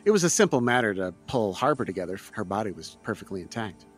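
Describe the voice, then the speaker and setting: A man's voice: fairly low pitch, sing-song, fast. Male game master narrating over music.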